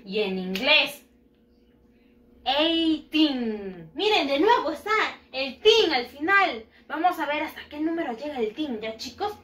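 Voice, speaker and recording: A woman teaching English numbers to young children. She says each word slowly, repeats it and praises the class often. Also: sits high, very animated, a bit bright. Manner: slow, drawn-out modelling of English words. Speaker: primary school English teacher. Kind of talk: recorded online lesson for children. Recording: roomy echo.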